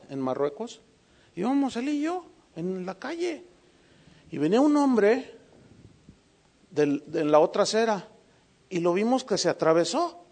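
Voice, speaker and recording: A man preaching a sermon with a high voice, his delivery dynamic as he tells a story. He drops to a hush on some lines and pushes hard on others. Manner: dynamic, swings from hushed to emphatic.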